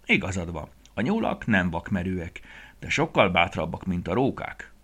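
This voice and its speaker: A man's voice: deep voice, big pitch swings, fairly bright tone, slightly rough, full character voice. A man voicing a boastful, brave little male rabbit in a children's story, talking in a cocky, sing-song way.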